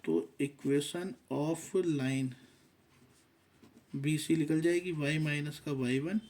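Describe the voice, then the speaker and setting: A man's voice: a little high, a little mellow. A man teaching a math lesson, working through steps methodically and mixing English terms into his explanation.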